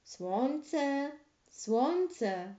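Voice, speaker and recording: Fairy-tale boy, eager and worried, read by a woman, pitch climbing when he calls out. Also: big pitch swings, slow pace, mellow. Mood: calling out. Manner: anxious questioning, urgent calls. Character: young peasant boy, eager and anxious. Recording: roomy, dull lo-fi recording.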